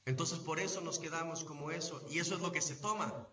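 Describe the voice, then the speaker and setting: A male voice actor with a Mexican accent, explaining at length in a measured, teaching way during a live event interview. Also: fairly high pitch, pushed and bright. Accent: Mexican Spanish. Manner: didactic, measured, asks if understood. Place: event venue. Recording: echoey, distant, dull sound.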